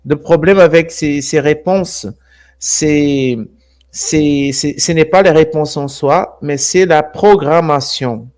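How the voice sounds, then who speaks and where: A Brazilian man with a Brazilian Portuguese accent and a slightly high voice hosts a live stream in casual talk. He's gentle, unhurried and affectionate, and he often repeats his words.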